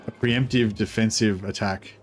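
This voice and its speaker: A man's voice: fairly low pitch, steady tone, moderate pace, a little hiss or hum. A man casually thinking aloud as he plays a video game, musing and hesitant, with some swearing. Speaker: video game player commentating.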